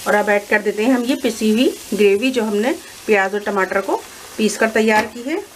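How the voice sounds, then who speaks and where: A woman explaining a recipe step by step in a calm, instructive voice-over as cooking show host. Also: medium pitch, moderate pace, a little hiss or hum. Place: home kitchen.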